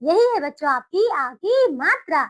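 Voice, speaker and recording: Very high, bright-voiced woman teacher. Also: big pitch swings. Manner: coaxing, keeps checking in with the class; reads words slowly and drawn out. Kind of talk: Hindi reading lesson for young children.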